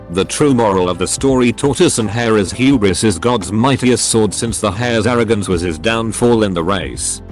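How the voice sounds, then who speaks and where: A man with a fairly low voice reads forum posts aloud as scripted narration, his pitch swinging widely from line to line. He reads abbreviations and punctuation marks out literally. Faint music plays underneath. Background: faint background music.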